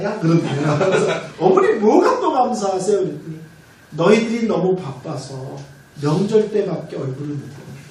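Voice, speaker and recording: High, lively-voiced pastor in an echoey hall. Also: male voice, slight background noise. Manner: storytelling with acted voices and call-and-response. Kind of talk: revival sermon. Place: large church sanctuary. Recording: echoey church hall from far off.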